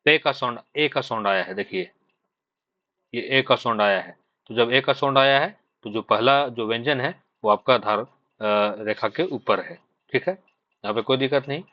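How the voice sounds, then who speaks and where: Close-miked with no room sound, a Hindi speaker from Jharkhand runs an online exam-prep shorthand lesson at normal pace and everyday pitch. His tone is dry, a bit dull and muffled. He explains patiently, circling back over points with frequent fillers and "thik hai" checks to the students.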